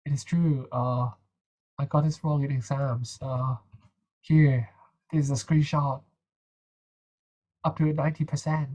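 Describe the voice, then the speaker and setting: A man's voice: medium pitch, little pitch movement, measured pace, long pauses, darkish tone. A young man with a nasal voice, casually running a revision session and talking through quiz answers with plenty of fillers and restarts. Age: young adult. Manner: chatty, hesitant, many fillers. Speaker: medical student tutor.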